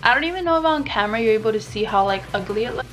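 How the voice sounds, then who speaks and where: A woman's voice: fairly high pitch, expressive, very fast, fairly bright tone, a little hiss or hum, poor audio. A young woman in her twenties from Texas, chatting frankly to camera in her bedroom with lots of fillers and some swearing. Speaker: beauty vlogger. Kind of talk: casual vlog chat. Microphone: camera on a tripod.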